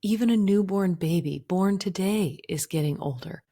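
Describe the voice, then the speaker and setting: A woman in her forties, a podcast host, sharing a gentle, earnest personal reflection. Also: mid-range voice, normal speed, slightly rough. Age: 40s. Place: indoors.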